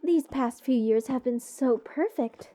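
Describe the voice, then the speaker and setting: A woman voice actor with a high, mellow voice plays a gushing, eccentric mage who adores cursed creatures. In this rambling, whimsical fantasy ASMR roleplay, she speaks to the listener slowly and dotingly, with theatrical whimsy, sounding dreamy and fond.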